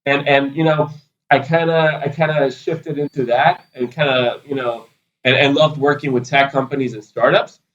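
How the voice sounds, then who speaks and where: A man's voice: medium pitch, steady tone, moderate pace, fairly bright tone, dull audio. A man in his thirties from Israel, answering interview questions in a loose, rambling way full of fillers. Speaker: podcast guest, PR agency founder.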